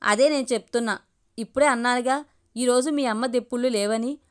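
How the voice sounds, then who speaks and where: A woman's voice: fairly high pitch, brisk, smooth, lightly acted. Woman reading as a teasing middle-aged father.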